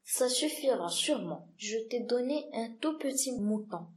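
A woman reading a slow, patient grown-up pilot. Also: a little high, lively intonation. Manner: patient, gentle, unhurried replies. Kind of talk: read-aloud storybook dialogue.

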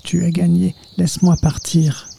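A fierce, possessive panther spirit of the deep woods from a storybook, snarling out his threats, as a man puts him on. The voice is dark and mellow, pushed up and louder when the creature gets greedy. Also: animated, normal speed, a little hiss or hum, natural voice. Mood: pleading. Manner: growling, threatening, then pleading.

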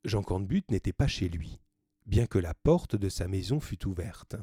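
Low, mellow male audiobook narrator. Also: slightly rough, no room sound, clean studio sound. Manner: measured, even reading. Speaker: narrator reading a novel.

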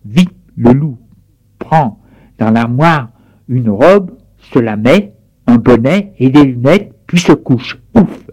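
A man reading a children's story aloud in a steady, clear voice. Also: mid-range voice, takes it slowly, low-quality recording.

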